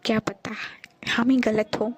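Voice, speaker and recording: A woman's voice: a little high, flat delivery, a little slow, breathy edge. A woman narrating an audio love story in a casual, chatty way, often speaking straight to her listeners. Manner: chatty, addresses listeners directly.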